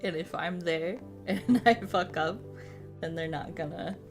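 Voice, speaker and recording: This live streamer is a woman with a lowish, unhurried voice, chatting casually on a gaming stream as music plays beneath her. She tends to ramble, says things more than once, and curses freely.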